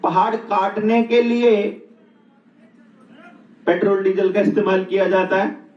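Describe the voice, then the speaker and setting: A middle-aged man with a fairly high voice gives a reflective talk. He tells stories and often poses rhetorical questions. He sounds distant in a roomy space, and the audio is somewhat dull. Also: fairly even intonation, unhurried. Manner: storytelling, asks rhetorical questions. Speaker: speaker on natural living.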